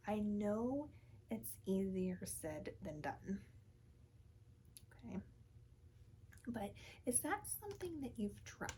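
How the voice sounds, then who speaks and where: A woman in an ASMR role-play as a calm, soothing counselor, speaking softly and often in a breathy soft voice, gently reassuring in short repeated phrases. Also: medium pitch, slow pace, pauses often, a little hiss or hum, rough recording. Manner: calm, soothing therapist manner.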